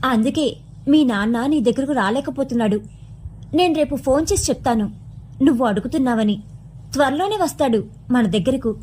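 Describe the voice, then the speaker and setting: Gentle protective nurse as a woman storyteller plays her, older woman, high voice, soft and reassuring. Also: normal speed, pauses often, a little hiss or hum, lightly acted. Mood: soothing.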